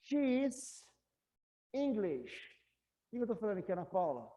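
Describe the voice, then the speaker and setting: A woman's voice: on the low side, big pitch swings, brisk, dark tone. A woman English teacher with a Brazilian Portuguese accent, explaining grammar to a class and checking in with students often. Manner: patient, repeats questions to students.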